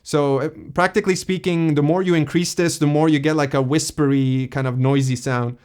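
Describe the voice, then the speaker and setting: A man's voice: fairly high pitch, fairly quick, smooth. Male tutorial host, casual and explanatory, clean resonant voice, home studio feel. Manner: relaxed, explanatory, uses fillers like "kind of".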